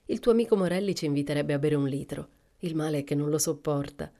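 A woman's voice: low-pitched, quick pace, dark tone. A woman reading the lines of a cool, blunt, worldly young woman in a storybook, speaking matter-of-factly. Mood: dry.

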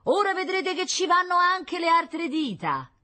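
A woman voicing a loud, heavy older concierge who mocks her neighbor in a shrill, brash voice. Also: expressive, normal speed. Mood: triumphant.

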